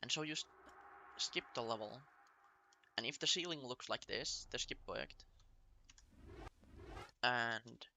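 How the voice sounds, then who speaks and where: A man's voice: medium pitch, takes it slowly, long pauses, sharp tone, a little hiss or hum. A man speaking as a speedrunner, giving a casual route tutorial in short, step-by-step instructional phrases. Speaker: speedrunner explaining a game route to viewers.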